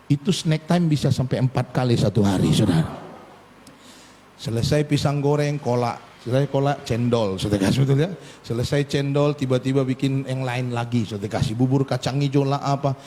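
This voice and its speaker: A middle-aged man preaching a sermon as a pastor, animated and humorous, with frequent asides to the congregation. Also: mid-range voice. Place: church.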